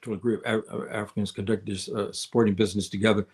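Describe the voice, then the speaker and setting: A man hosting a casual livestream, answering his chat in a halting way with many repeated words and fillers. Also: fairly low pitch, little pitch movement, darkish tone. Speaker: livestream host reading chat. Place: indoors, living on the African continent.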